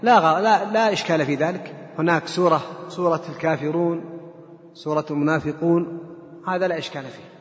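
A man's voice: a little high, fast. A man teaching scripture in a lecture, explaining points step by step and posing questions to his listeners before answering them. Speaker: Quran teacher. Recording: echoey hall, dull lo-fi sound.

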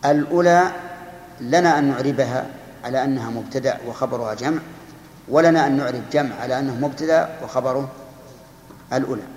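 A man's voice: medium pitch, fast, long pauses, darkish tone. Man teaching grammar in an echoing hall. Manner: questioning his students, explaining step by step. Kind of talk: grammar lesson. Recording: echoey hall recording, faint noise.

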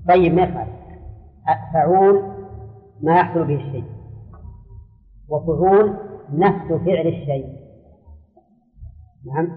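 A man lectures on Islamic law, answering students and repeating his key terms as he explains. His voice sits a little high. The sound is thin and phone-like, with a long echo from a large hall. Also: a little slow, long pauses. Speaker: religious scholar teaching a class.

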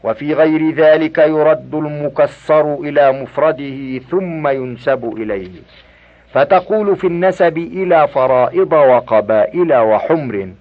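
A man reading a classical grammar book aloud in a slow, formal, deliberate recitation. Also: medium pitch. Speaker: reader of a classical grammar text. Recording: dull lo-fi cassette tape recording.

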